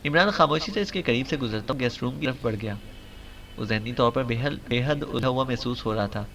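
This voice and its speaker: A man narrating a novel audiobook in a steady, even storytelling manner. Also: medium pitch, a little hiss or hum, low-quality recording.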